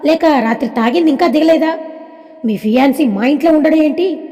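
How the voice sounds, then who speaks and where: A woman's voice: sits high, moderate pace, warm tone, natural voice. A woman voicing a casual, mocking younger brother, in a storybook with long reverb.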